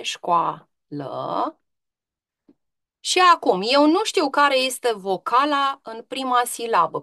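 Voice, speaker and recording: Bright-voiced woman teaching a lesson. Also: high voice, creaky, dry recording, studio quality. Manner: patient, questioning, drawn-out demonstration words. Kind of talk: online grammar lesson to pupils.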